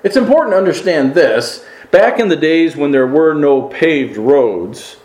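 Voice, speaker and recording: A man preaching a sermon, building to emphatic peaks and dropping to quiet asides. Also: on the high side, animated, measured pace, roomy sound, poor audio. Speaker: pastor.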